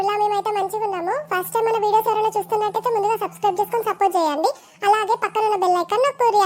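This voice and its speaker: A woman hosting her cartoon channel, chatting directly to viewers. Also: very high-pitched. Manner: chatty, apologetic, direct address. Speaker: channel host.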